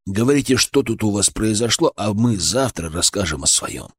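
A man reading the lines of a weary, calm village leader in an audiobook, in a quiet, matter-of-fact way. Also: lowish voice, moderate pace, slightly rough, no room sound, clean studio sound.

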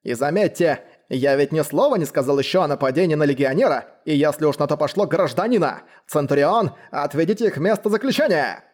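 A man's voice: a little high, lively intonation, brisk, hardly any pauses, darkish tone. A man voicing a pompous, fussy male official who talks in stiff bureaucratic phrases in an audiobook. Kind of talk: audiobook character voice.

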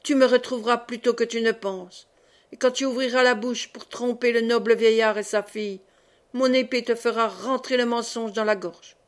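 A woman's voice: on the high side, steady tone, normal speed, natural voice. A woman reading as a furious young captive. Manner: angry, defiant. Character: furious young male prisoner.

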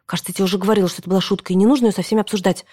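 A woman's voice: medium pitch, steady tone, close to an everyday voice. A woman doing a stern hissing mother. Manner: hissing, quick and sharp. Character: stern irritated mother scolding her son.

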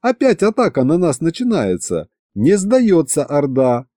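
A man's voice: a little high, wildly swooping pitch, unhurried, dark tone, no room sound, clean studio sound, voice pushed up, heavily acted. A man voicing a fussy, sarcastic female vampire courtier who talks in a prim, grumbling way. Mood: lively.

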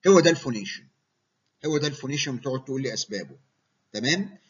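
Fast-talking Egyptian man lecturing. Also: mid-range voice, expressive, slightly rough. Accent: Egyptian Arabic. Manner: explanatory, checks in with listeners. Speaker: medical lecturer. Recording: dull lo-fi recording.

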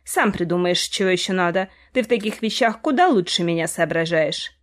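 A woman's voice: on the low side, animated, fairly quick, lightly acted. Woman narrator doing a flustered mopey young prince, sorry one sec and snapping the next. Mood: explaining. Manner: embarrassed, apologetic, easily angered. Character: awkward, gloomy young male prince. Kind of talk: audiobook reading.

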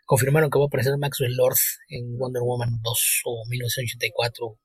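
A man co-hosting a podcast in casual chat, talking quickly with small restarts. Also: mid-range voice, level tone, husky, no room sound. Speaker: podcast co-host.

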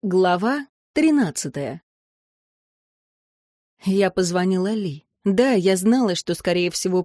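A woman's voice: lowish voice, darkish tone, no echo, studio quality. A woman narrating a first-person audiobook with an emotional, intimate reading.

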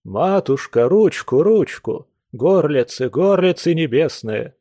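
A man's voice: fairly high pitch, expressive, takes it slowly, warm tone, no echo, studio quality, pitched above the performer's own voice, exaggerated voice. A man reading aloud plays a drunken old male guest who wails and pleads in grand, churchy phrases, in a somewhat raised voice. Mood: drunken pleading. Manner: wailing, churchy pompous phrasing.

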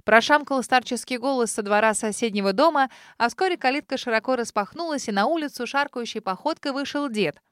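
Expressive woman reading an audiobook. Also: a little high, a little fast, few pauses, clear, resonant tone, dry recording, clean studio sound. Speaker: audiobook reader. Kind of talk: audiobook narration.

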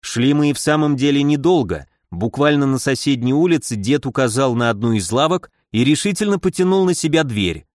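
A man reading a first-person story aloud as an audiobook narrator, with a wry, brisk manner. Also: mid-range voice, expressive, no room sound, clean studio sound.

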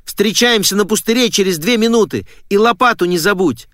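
A man voicing a young girl who shouts and pleads urgently. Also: sits high, a little fast, dry recording, clean studio sound, voice pushed up. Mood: excited.

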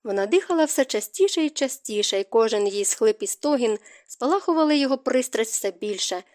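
A woman narrates a romance novel in an expressive, emotive style. Her voice sits a little high, and she reads with steady, heartfelt emphasis. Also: fairly quick. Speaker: audiobook narrator. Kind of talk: audiobook narration.

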